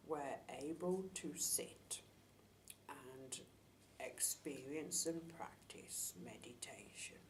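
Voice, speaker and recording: A woman as a seance medium in trance, voicing a solemn spirit guide in a halting, hushed, half-whispered delivery with long pauses. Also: very deep voice, animated, heavily acted. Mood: solemn, measured. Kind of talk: seance channelling, slow solemn discourse. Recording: distant mic, clear background hiss.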